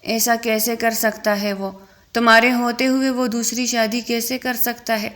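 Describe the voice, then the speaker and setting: A woman's voice: a little high, little pitch movement, a bit bright, natural voice. A woman voicing a blunt young man scolding his friend. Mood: surprised. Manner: stern, scolding.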